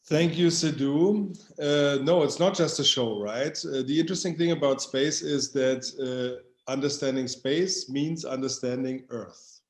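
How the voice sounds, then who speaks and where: A man's voice: mid-range voice, unhurried. A man speaking as a co-founder in an interview, earnest and rhetorical, checking in with "right?" often. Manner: earnest, rhetorical, tag questions. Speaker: co-founder, guest. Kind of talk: inspirational interview answer. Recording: roomy echoey audio.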